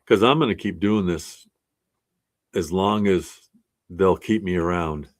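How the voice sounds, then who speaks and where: A man in his sixties with a very low, deep voice addresses his class slowly and without hurry. As an art resilience instructor, he comes across as earnest and plainspoken, casually encouraging his listeners.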